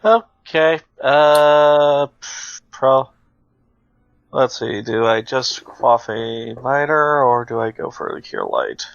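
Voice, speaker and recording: Slow-talking man on a dull mic. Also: medium pitch, lively intonation, vocal fry, dry recording. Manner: unhurried, thinks out loud. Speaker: player. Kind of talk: casual tabletop game chat.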